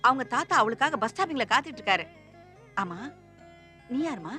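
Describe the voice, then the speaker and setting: A woman's voice: a little high, big pitch swings, brisk, pushed and bright, faint music behind. An actress playing a fussy, talkative grandmother who scolds and bickers with her husband in a film. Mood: worried.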